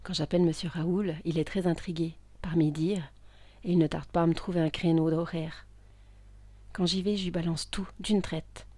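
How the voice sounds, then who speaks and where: A woman narrating a first-person story in a hushed, intimate voice that is often whispered, with tense outbursts. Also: lowish voice, steady tone, moderate pace, dry recording.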